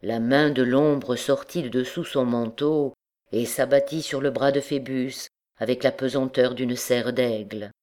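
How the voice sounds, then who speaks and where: A woman narrating a classic novel for an audiobook with a calm, even reading. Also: very deep voice, measured pace. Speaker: audiobook reader.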